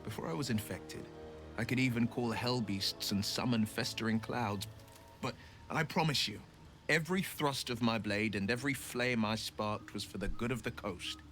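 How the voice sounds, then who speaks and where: A man's voice: mid-range voice, moderate pace, a bit bright, faint music behind, lightly acted. An actor voicing a noble male warlock hero from a video game, with a proud, earnest delivery. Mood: bitter.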